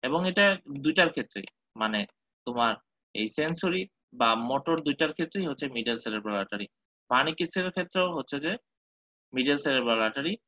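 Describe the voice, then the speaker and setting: A man teaching a medical lecture, often pausing to check that his listeners follow and mixing in English terms. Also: mid-range voice, lively intonation, sharp tone, dry recording. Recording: dull, dry close recording.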